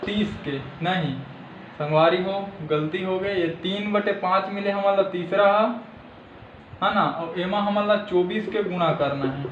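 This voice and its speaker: A man with a Chhattisgarhi accent explains a maths exercise patiently, checking in after nearly every step. His voice sits fairly high. The room is echoey and the sound is a little dull, with faint hiss. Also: a little slow, fairly bright tone. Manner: repeats "thik hai" as a check-in, addresses viewers as friends. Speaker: maths teacher. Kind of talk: step-by-step classroom lesson.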